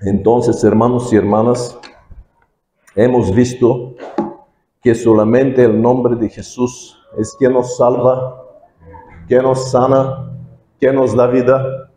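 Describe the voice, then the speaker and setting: A man preaching a sermon as an evangelist in a learned language, halting, with many pauses and restarts. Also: medium pitch, flat delivery, mellow, reverberant, low-quality recording.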